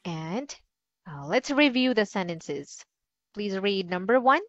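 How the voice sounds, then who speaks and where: Lively, slow-talking woman teacher. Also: mid-range voice, no room sound. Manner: cheerful, laughs often, slow and encouraging. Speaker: ESL teacher. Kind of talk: online English lesson. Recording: dull lo-fi sound.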